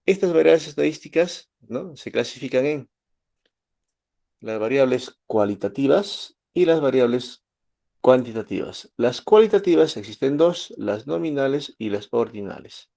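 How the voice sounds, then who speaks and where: A man's voice: mid-range voice, lively intonation, measured pace, vocal fry, dark tone. A man from Peru, teaching statistics and often checking in with his students. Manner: asks students questions, gives everyday examples. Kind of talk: lecture to students.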